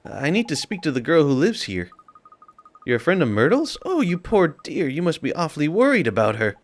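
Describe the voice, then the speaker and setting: A man voicing a fretful, gossipy elderly woman neighbour, talking softly in a doting, fussing way as he reads game dialogue aloud. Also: on the high side, sing-song, brisk, voice pushed up.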